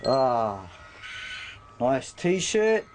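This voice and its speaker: A man's voice: medium pitch, sing-song, drawn-out words, a little mellow. A man with a New Zealand accent chatting in a casual, rambling, emphatic way. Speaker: interviewee showing his home and pets. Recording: noisy amateur on-location video recording.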